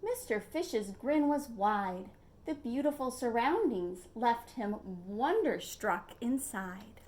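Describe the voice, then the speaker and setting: Her pitch is fairly high and her tone a little dark, yet she reads with animation and takes her time. It's a lively storytime: a librarian sharing a picture book with young children and inviting them in with questions.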